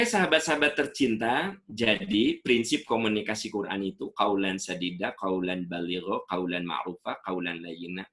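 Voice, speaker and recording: A middle-aged man giving an Islamic lecture, animated and fond of acting out what people say. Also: low-pitched. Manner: animated, acts out quoted speech. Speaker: invited Islamic speaker.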